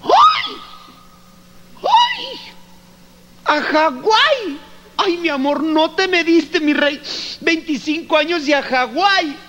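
A man's voice: very high voice, moderate pace, hardly any pauses, fairly bright tone, long reverb tail, voice pushed up. A man playing a sugary, coaxing wife in a comedy bit. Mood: delighted. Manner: cooing, pleading.

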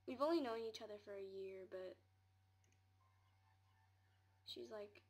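A woman's voice: mid-range voice, a little fast, a little mellow. A young woman giving a casual tour of her game home, mumbling and rambling with many fillers and giggles, recorded in a small room.

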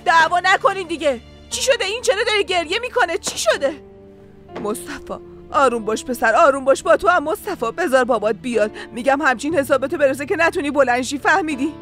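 A middle-aged woman dubbing a sharp-tongued grandmother who scolds her household. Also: lively intonation, faint music behind. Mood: scolding. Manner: scolding, shrill when angry. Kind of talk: Persian dub of a TV series.

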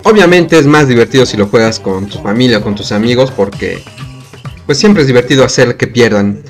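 A man hosting a gaming channel, commenting on his play and reacting with quick repeated words. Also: medium pitch, expressive, soft background music. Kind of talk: excited gameplay commentary.

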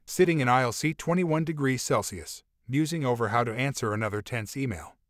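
A man reading a first-person book aloud in a steady, measured way, with conversational asides. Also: mid-range voice, no echo, clean studio sound. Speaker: audiobook narrator. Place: voice-over.

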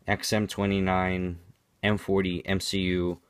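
A man with a low voice talks through a product demonstration in a matter-of-fact, explanatory way. The sound is dry and close, with little room to it. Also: level tone, a little slow, clear, resonant tone, dry recording. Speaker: product reviewer. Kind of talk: unscripted product demonstration commentary.

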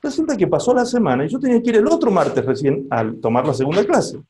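A man, a pastor telling a story to a seminar audience as part of a sermon. He talks in an animated way and asks the listeners questions. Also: high-pitched, fast talker, slight background noise.

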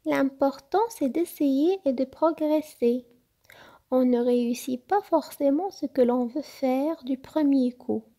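A woman voicing a wise, calm little boy fox who talks gently and reassuringly in a storybook. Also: high-pitched, takes it slowly, voice pushed up. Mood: gentle.

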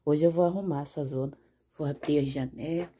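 A woman's voice: deep voice, fairly even intonation, fairly quick, dark tone, a little hiss or hum. A middle-aged woman talking straight to her viewers in a casual home vlog, emotional and tearful. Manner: chatty, talks straight to viewers. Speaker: vlogger.

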